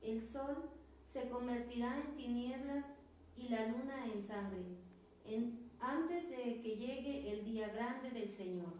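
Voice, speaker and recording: A woman's voice: a little high, slow pace, a little mellow. Mexican woman reading scripture in an echoey hall. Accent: Mexican Spanish. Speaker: class participant reading scripture aloud. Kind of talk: reading a Bible passage aloud. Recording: roomy echo, distant mic, faint noise.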